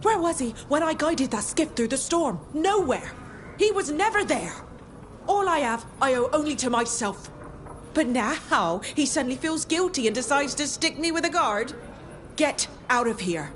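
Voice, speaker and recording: A woman's voice: high-pitched, very animated, moderate pace, a little hiss or hum. An actress playing a proud, defiant young female sea captain in a video game, indignant and headstrong. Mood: indignant, bitter. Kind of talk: video game dialogue acting.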